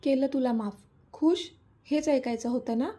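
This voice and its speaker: Storybook young mother, playful and coaxing, read by a woman; high, husky tone. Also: moderate pace, dark tone. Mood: tender.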